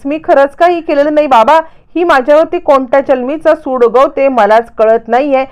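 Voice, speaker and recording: A woman putting on a shrill scheming young woman crying victim. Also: a little mellow, clear, resonant tone, lightly acted. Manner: shrill pleading accusations.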